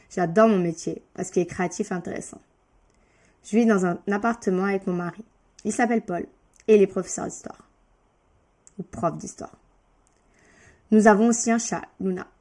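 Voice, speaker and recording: A woman teaching French, reading a beginner lesson text aloud with careful, clearly articulated delivery and brief explanatory asides. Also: medium pitch, warm tone.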